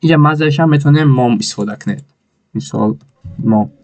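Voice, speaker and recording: A man with a Tajik accent teaching an English lesson, repeating each phrase slowly word by word. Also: mid-range voice, a little mellow, faint music behind.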